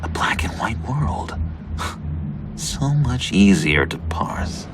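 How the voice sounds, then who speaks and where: A man's voice: on the low side, sing-song, takes it slowly, whispered. An actor playing an eager, unhinged, needy young male oddball in a video game, with a theatrical, hesitant then gushing delivery. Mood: conflicted musing. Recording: music under the voice.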